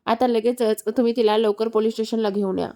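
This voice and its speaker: A woman's voice: on the high side, steady tone, mellow, close to an everyday voice. Woman reading a stern police inspector. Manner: brisk, demanding.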